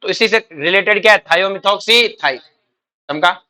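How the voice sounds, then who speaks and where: A man's voice: high voice, a little slow, sharp tone. A male chemistry teacher, coaching exam students by firing questions and repeating the answers back. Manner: quizzing students, calling them "beta", repeating answers. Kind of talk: coaching lecture with call-and-response.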